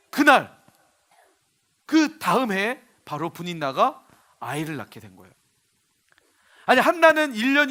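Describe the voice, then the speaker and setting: A male pastor telling a sermon story for children, animated and often asking the audience questions. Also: very high-pitched.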